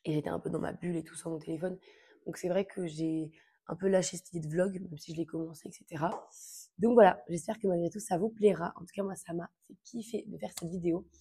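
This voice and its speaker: A young woman chats informally to camera, trailing off with fillers and slang. Her voice sits a little low, with a gravelly, husky, mellow grain. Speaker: book vlogger. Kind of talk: casual chat to camera.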